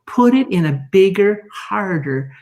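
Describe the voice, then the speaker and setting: A woman's voice: medium pitch, measured pace. An older woman, a learning specialist, talking in a live interview and acting out lessons as she explains. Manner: animated storytelling, acts out teacher and child sounding out words. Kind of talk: live expo video interview.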